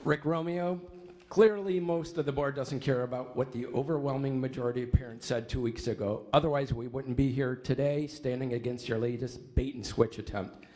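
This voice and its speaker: Man, American, medium pitch, scripted public comment, accusatory, emphatic. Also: steady tone, normal speed, darkish tone.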